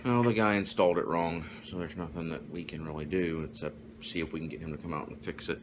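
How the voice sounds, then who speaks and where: A man's voice: low-pitched, fairly even intonation, fast talker. A man chatting for a family vlog in a dry, matter-of-fact way, teasing his kids. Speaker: father, co-vlogger. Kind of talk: casual family chat. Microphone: handheld phone. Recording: noisy phone video with loud vehicle hum.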